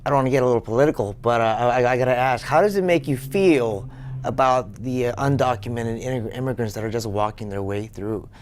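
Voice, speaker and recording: A man's voice: mid-range voice, fairly quick, slight background noise. A male talk show host with a mid-range voice leads the interview. He asks his questions plainly and keeps encouraging his guest with short affirmations.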